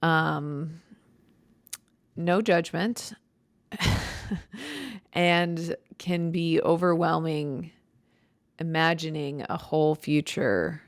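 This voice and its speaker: Slow gravelly-voiced woman podcast host. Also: low voice, no echo. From Chicago. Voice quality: vocal fry, dry voice. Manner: blunt, joking, swears freely. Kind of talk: casual solo podcast chat.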